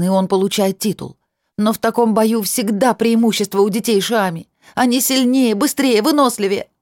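Brief: fierce young mother, high, loud and indignant, as an audiobook narrator puts her on. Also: no echo, clean studio sound, close to an everyday voice. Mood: desperate. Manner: urgent, indignant, raised voice.

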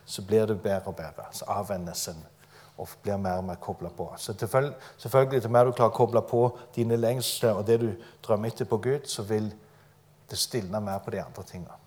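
A man's voice: on the low side, fairly even intonation, darkish tone. A man giving an informal, conversational sermon to a gathered church congregation, mixing personal stories with light humor. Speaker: preacher. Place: church gathering before a live audience.

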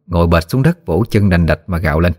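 Deep-voiced storyteller. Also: male voice, a little fast. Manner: steady, descriptive. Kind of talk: audiobook story narration.

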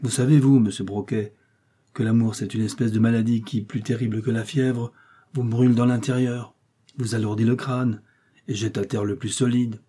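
Audiobook: male reader voicing a brawny heartbroken street tough, dark husky tone, exclamatory. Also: mid-range voice, fairly even intonation, moderate pace, natural voice. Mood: lovesick. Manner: emotional, pleading, exclamatory. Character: huge lovesick Parisian tough guy, grieving.

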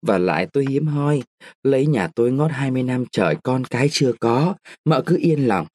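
A man doing a smug persuasive older gentleman. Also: medium pitch, animated, brisk, dry recording, studio quality, pitched above the performer's own voice, lightly acted. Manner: persuasive, lecturing.

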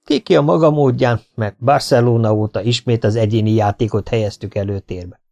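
A man reading a first-person humorous memoir as an audiobook, lively and expressive. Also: lowish voice, gravelly. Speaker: audiobook reader. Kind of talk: scripted first-person narration.

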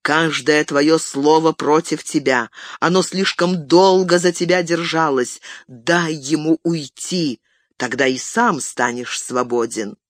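A calm, probing old wizard, as an audiobook reader puts him on, measured and quietly stern. He speaks slowly and deliberately. The sound is dry and close. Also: medium pitch, no echo, natural voice. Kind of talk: audiobook reading.

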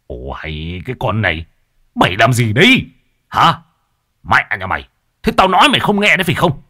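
A man's voice: mid-range voice, very animated, normal speed, pushed and bright, husky, no echo, clean studio sound, heavily acted. A man voicing a brutal, coarse village husband, barking threats and curses. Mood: menacing.

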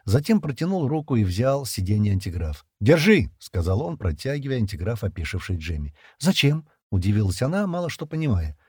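A man narrating an audiobook in an expressive storytelling manner. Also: fairly low pitch, fast talker, hardly any pauses, breathy edge, no echo, studio quality. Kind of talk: scripted narration.

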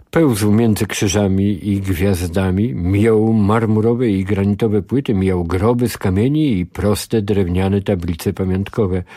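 A man reading a novel aloud on the radio, with lively, expressive storytelling. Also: on the low side, no echo, studio quality. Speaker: radio reader. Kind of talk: dramatic audiobook reading on radio.

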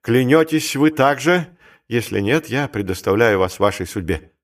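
A man voicing a bold, reckless male clerk and gambler who talks in a brisk, commanding way, in an audiobook. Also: mid-range voice, lively intonation, natural voice. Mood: grim, commanding. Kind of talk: audiobook character reading.

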